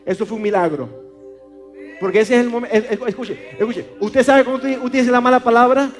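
Soft music plays behind an extremely high-pitched man speaking fairly quickly. He's from Maracaibo, has a Venezuelan accent, and preaches with many repeated words and stumbling fillers, calling his listeners brother.

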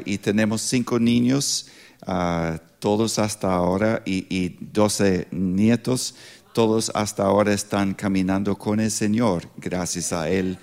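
A low-pitched, darkish-toned man in his sixties from Pittsburgh, United States, preaches informally as a missionary, giving a sermon with an informal introduction. He has an American accent and is described as a non-native speaker, though English is his first language. His speech is halting, with grammatical slips.

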